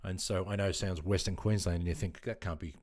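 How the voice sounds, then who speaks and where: Deep, darkish and fast, with fairly even intonation and no room sound, this middle-aged Australian man talks casually on his live stream. He's chatty and relaxed, answering viewers with lots of ums and calling each of them mate.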